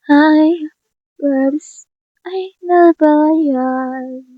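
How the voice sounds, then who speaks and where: Speaking extremely slowly in a high voice, a young woman offers laid-back gameplay commentary, joking with viewers and herself amid frequent laughter. There's no room sound, and the audio has a dull lo-fi character.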